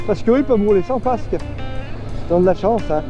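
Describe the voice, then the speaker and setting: A man's voice: sits high, expressive, a little fast, muffled recording, over music. A man giving live, chatty commentary to himself and his viewers while riding a motorcycle, full of fillers and asides. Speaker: motorcycle vlogger. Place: on a motorcycle outdoors on the road.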